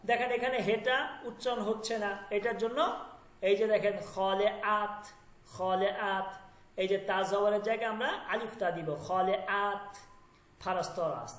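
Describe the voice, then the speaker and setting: A man's voice: sits high, normal speed. A man with a Bangladeshi Bengali accent teaching an online language lesson, explaining step by step and often checking that students understand. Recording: echoey room.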